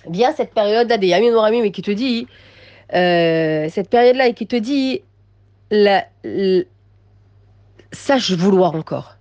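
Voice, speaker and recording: A woman giving an inspirational religious talk to women, emphatic and repetitive, moving between soft passages and raised ones. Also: medium pitch, dry recording, highs cut off. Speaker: religious teacher addressing women.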